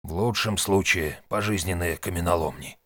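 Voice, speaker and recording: A man's voice: low-pitched, moderate pace, pushed and bright, no echo, studio quality. A man voicing a shrewd, weary old man who speaks grimly and curtly. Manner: grim, curt.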